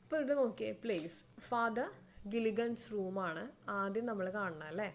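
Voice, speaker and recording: A woman teacher with a Malayali accent explaining an English lesson to students, slowly repeating words so they can follow. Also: medium pitch.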